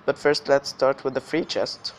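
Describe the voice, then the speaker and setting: A man's voice: mid-range voice, little pitch movement, moderate pace, slight background noise. A man hosting a gaming video with casual gameplay commentary, his voice slightly affected by illness. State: slightly ill voice.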